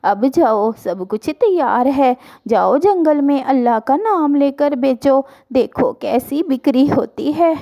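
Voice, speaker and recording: A woman voicing a crafty older mother-in-law in a storybook cartoon. She talks slowly and knowingly, as if sharing secrets. Her tone is mellow and soft. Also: high-pitched, expressive, full character voice.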